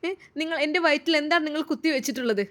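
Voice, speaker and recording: A woman's voice: high-pitched, quick pace, pitched above the performer's own voice, close to an everyday voice. A woman voicing a frightened young wife who accuses her husband and pleads for the truth. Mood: accusing. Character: young deceived wife, frightened but defiant.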